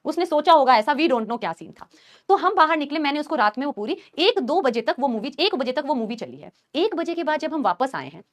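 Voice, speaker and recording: A woman teacher telling a story to her students in a live class, animated and acting out the scenes. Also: high voice, fairly quick. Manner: animated, acts out scenes and shrieks.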